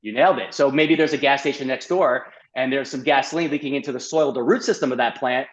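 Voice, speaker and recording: Middle-aged man, doctor guest, animated storytelling, mid-pitched, lo-fi sound. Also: quick pace. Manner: animated, uses many fillers and "like". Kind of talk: podcast interview storytelling.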